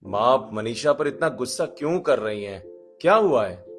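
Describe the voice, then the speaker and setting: A man's voice: mid-range voice, animated, moderate pace, slightly rough, faint music behind. A man voicing a young brother-in-law who defends his sister-in-law in a cartoon story. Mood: defending. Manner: reasoning, defending.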